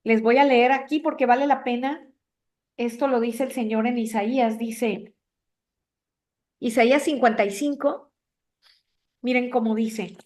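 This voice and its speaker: High-voiced woman teaching a devotional. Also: fairly even intonation, unhurried, long pauses, a little mellow. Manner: conversational, asks the listeners questions. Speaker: devotional teacher for a women's group. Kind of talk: women's devotional talk.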